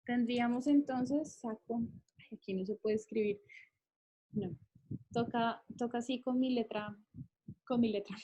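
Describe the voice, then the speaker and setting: Speaking unhurriedly with long pauses, an English teacher with a high, mellow voice and steady tone records an online class through her computer mic. She explains things with patience and keeps making sure her students follow.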